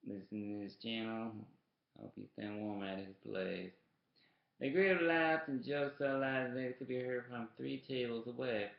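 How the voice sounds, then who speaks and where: A man with a low, gravelly voice reads a book aloud, stumbling and restarting over words as he goes. The recording sounds muffled and dull, with the echo of a bare room around him. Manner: halting reading with restarts and stumbles. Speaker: storyteller reading a book aloud. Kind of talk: read-aloud narration.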